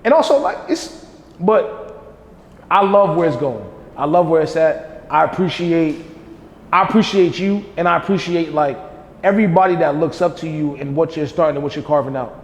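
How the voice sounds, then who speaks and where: A man's voice: a little high, normal speed. A man hosting a podcast as a spoken word poet, telling stories in a laid-back, slangy way and laughing often. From Jamaica. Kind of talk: casual conversation. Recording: echoey room with reverb.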